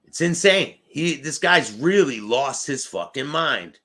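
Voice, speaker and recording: A man with a bright, forceful voice rants through a reaction commentary, swearing hard and mocking the clip he plays. His pitch swings widely as he scolds and sneers, and it sits a little higher than most men's. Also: expressive, unhurried. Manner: angry, sarcastic, heavy swearing. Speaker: host reacting to clips.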